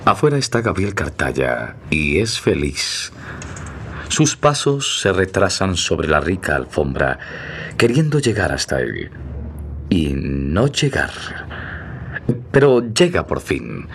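An actor playing a solemn, emotive storyteller, reading scripted narration for a romantic melodrama. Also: male voice, low voice, very animated, takes it slowly, pauses often, fairly bright tone, a little hiss or hum, exaggerated voice. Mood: solemn, tender.

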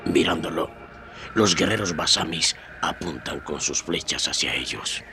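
A man's voice: extremely low pitch, lively intonation, unhurried, sharp tone, slight background noise, exaggerated voice. A man narrating an adventure radio serial as a grave, suspenseful storyteller.

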